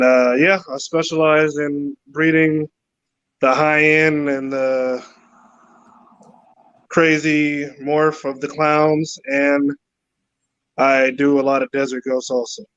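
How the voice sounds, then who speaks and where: A man talking in an easygoing, halting way as a guest on a casual interview, heard over a choppy phone video-call connection that cuts out. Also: on the high side, little pitch movement, fairly bright tone, smooth. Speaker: guest, python breeder. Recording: dull lo-fi phone audio cutting out.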